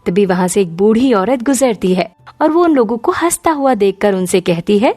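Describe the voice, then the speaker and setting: A woman narrating a moral cartoon story in an even storytelling manner. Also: medium pitch, normal speed, faint music behind.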